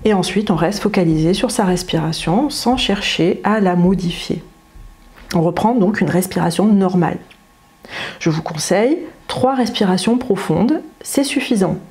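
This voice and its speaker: Calm French-speaking woman, mellow tone. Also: medium pitch. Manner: slow soothing repetitions, occasional fillers like "hein" and "euh". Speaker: psychologist. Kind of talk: guided breathing and relaxation instruction.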